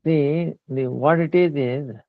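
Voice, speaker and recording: A man giving a slow devotional discourse, pausing often with fillers. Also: fairly high pitch, no echo. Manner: slow halting talk with many fillers. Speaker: spiritual teacher. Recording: tinny phone-like line.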